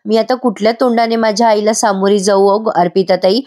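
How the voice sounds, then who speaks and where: A woman reading the lines of a gentle, ashamed young woman who speaks politely and pleadingly. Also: mid-range voice, fairly even intonation, fairly quick, natural voice.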